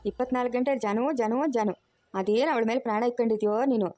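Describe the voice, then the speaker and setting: A woman's voice: on the high side, fairly even intonation, quick pace, mellow, dry recording, studio quality, natural voice. A woman voicing a tender, fretful village grandmother in a cartoon, soothing a child in a rural Kannada accent from the Chikkaballapur region. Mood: coaxing. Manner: coaxing, soothing. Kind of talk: cartoon voice acting.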